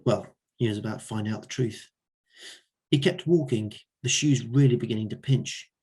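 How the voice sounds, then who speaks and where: A man's voice: mid-range voice, moderate pace, a little mellow, breathy edge. A man reading his own fiction aloud at an open mic night in a wry storytelling manner.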